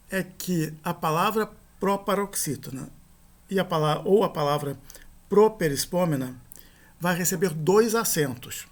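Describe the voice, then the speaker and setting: A man, teaching a grammar lesson in a methodical way, repeating terms and slowing down on each example word. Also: high voice. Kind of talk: grammar lecture.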